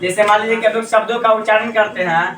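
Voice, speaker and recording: A high-voiced man leads a lively class, calling out questions and echoing the students' replies. He sounds distant in an echoey classroom, with the class audible around him. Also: fast, a little hiss or hum. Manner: asks the class questions and repeats their answers. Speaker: Hindi grammar teacher. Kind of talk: classroom lecture with call-and-response.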